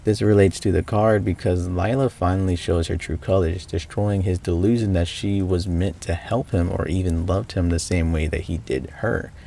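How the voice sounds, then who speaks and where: A man reading scripted game analysis narration in a measured, explanatory way. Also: deep voice, fairly even intonation, vocal fry, mellow, slight background noise. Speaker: video narrator.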